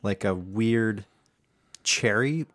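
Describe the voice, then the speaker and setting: A man's voice: fairly low pitch, very slow, fairly bright tone, dry recording. A man hosting a casual chat, explaining a drink recipe with plenty of fillers and restarts. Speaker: home bartender host.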